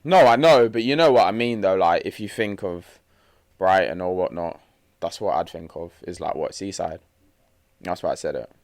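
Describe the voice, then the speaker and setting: A man's voice: sits low, moderate pace, no room sound, clean studio sound. A young man chatting casually on a podcast, using slang, laughing easily and trailing off mid-sentence. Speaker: podcast co-host. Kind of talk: casual chat.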